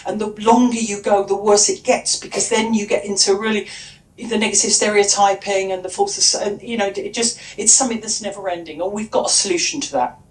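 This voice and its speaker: A woman's voice: mid-range voice, steady tone, fairly quick, slight background noise. Chatty woman presenting in an echoey room. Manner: chatty, with frequent restarts and asides. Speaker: conference speaker and workshop trainer. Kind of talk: lively conference presentation. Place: conference room.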